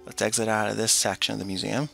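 Playful, gravelly man commenting on a game. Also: fairly low pitch, level tone, quick pace, pushed and bright, faint music behind. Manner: playful and jokey, corrects himself, imitates game sounds. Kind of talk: casual let's-play commentary.

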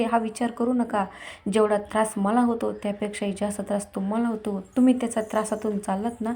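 A woman's voice: fairly high pitch, dark tone, natural voice. A woman voicing a devoted, strong-willed wife who talks with emotion and insistence.

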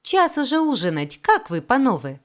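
A woman voicing a small, lively hostess, playful and sing-song. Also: fairly high pitch, normal speed, voice pushed up.

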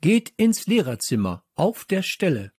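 A man reading a children's audiobook, voicing a strict woman teacher who gasps in shrill indignation. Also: sing-song, unhurried, a little mellow, husky, no echo, studio quality, heavily acted. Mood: outraged. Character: strict, easily shocked woman teacher on break duty.

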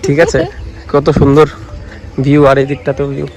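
In a casual vlog shot on a handheld phone at a lakeside park beside a street, a young adult man from West Bengal, India, chats playfully and calls his viewers brother. His fairly high voice is gravelly and darkish, with a completely flat delivery at a moderate pace.

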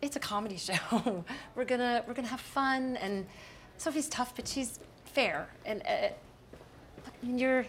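An actress playing a TV show producer who talks politely but firmly, with nervous little laughs, in a studio hallway. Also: female voice, a little high, measured pace, slight background noise, lightly acted.

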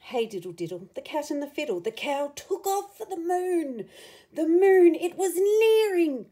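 A woman with a very high-pitched voice reads a picture book to children at an unhurried pace. She gives the story dramatic, expressive emphasis and turns to the listener with asides.

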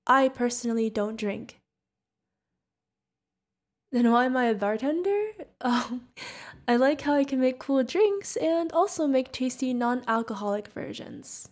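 A high-sitting female voice with lively intonation and a measured pace brings an ASMR feathered alien bartender to life. The character is sweet, curious and friendly, chatting to the listener in a friendly, chatty mood.

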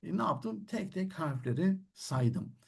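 A man's voice: fairly high pitch, lively intonation, measured pace, creaky, a little mellow, husky. A man teaching German, explaining patiently and answering his own questions. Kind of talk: classroom-style language lesson.

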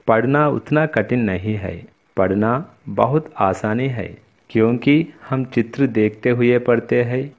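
Slow, patient male Hindi teacher. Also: mid-range voice, lo-fi sound. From India. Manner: slow, patient, repeats "children" often. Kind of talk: recorded classroom lesson for children.

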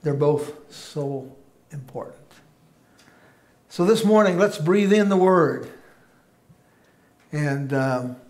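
A man's voice: fairly high pitch, slow, long pauses. A male pastor giving an informal sermon, joking easily with his congregation. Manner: relaxed, joking banter with congregation. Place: church sanctuary. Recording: echoey church room.

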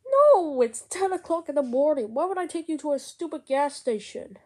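A woman's voice: sits high, lively intonation, fairly quick, warm tone, dry recording. A woman voicing Chef Fox, a grumpy, short-tempered adult chef who snaps and swears in a plush toy comedy skit. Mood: annoyed. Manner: gruff, irritated, swearing.

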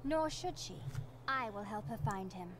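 An actress playing a proud, confident young heroic sorceress in a video game, with assured, declarative delivery. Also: female voice, medium pitch, lively intonation, normal speed, heavy background noise, natural voice. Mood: confident, resolute. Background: game music.

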